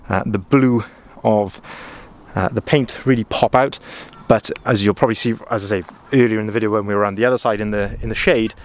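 Filming on his own phone, a man from Wales who manages van sales chats his way around a camper van, both inside and on the dealership lot. His voice is mid-range, and "as I say" comes up again and again.

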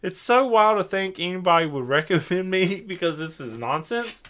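A young man hosting a podcast sounds a little tipsy as he talks casually, rambling and making fun of himself. He has a high-pitched voice, lively intonation, a moderate pace, and a fairly bright tone.

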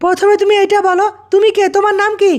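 A woman with a very high voice narrates a comic game skit in a whiny, dramatic manner. She talks quickly, keeping her pitch flat and shrill. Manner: whiny, dramatic sobbing and shouting. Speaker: game video voice-over for several figures.

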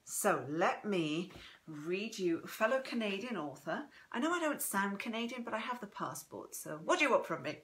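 In this casual livestream from home, a forties-aged woman author hosting a live reading greets her viewers by name and chats away effusively into a propped-up phone. Her mid-range voice swings widely in pitch at a moderate pace, with a fairly bright, slightly throaty and strained quality.

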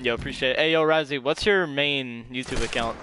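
A man's voice: mid-range voice, fairly quick, pushed and bright, soft background music. A man chatting casually while gaming, a hyped gamer bro who talks in slang and swears. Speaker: gamer on voice chat. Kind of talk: casual gaming chat during a shooter match. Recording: noisy game audio with gunfire. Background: gunfire and clicks from video game.

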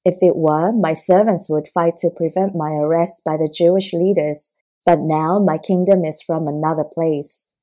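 A woman reading the lines of a calm male prisoner and teacher in an audiobook, low and mellow. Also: normal speed, few pauses, close to an everyday voice.

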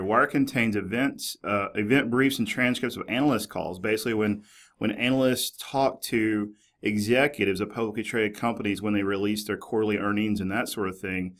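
Speaking from a small office indoors, a low-voiced male librarian at a university walks through a screencast tutorial in a slightly bright tone. He keeps it informal and chatty, leaning on words like "basically" and "kinda."

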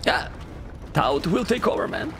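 Casting a strategy game live from home, a man in his thirties with a Spanish accent talks to his chat with animation, often repeating phrases. His voice sits high and his pace is measured, though he's going a bit hoarse and losing his voice. There's slight background noise and faint game music behind.

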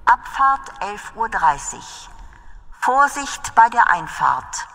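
A woman voicing a railway announcer, making flat, formal, measured platform announcements. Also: on the high side, gravelly, full character voice. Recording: long reverberant station PA.

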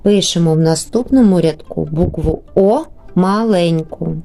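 A woman teaching young children in a remote lesson, patient and slow, stretching out words syllable by syllable, with a Ukrainian accent. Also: on the low side, gravelly, dark tone, faint music behind. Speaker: primary school teacher.

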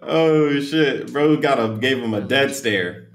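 A man's voice: medium pitch, slow pace, recorded from a distance. A young American man reacting casually to horror game clips, slangy and amused, on a headset. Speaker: reaction streamer. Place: small room at home. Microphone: headset microphone. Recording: roomy echo, noisy game audio underneath.

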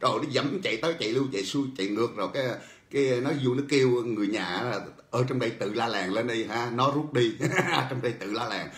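A man's voice: medium pitch, fast talker. Guy hosting a political talk show, chuckles a lot, echoey room. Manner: animated storytelling, chuckles often. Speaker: host. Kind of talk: political commentary monologue. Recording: roomy echo.

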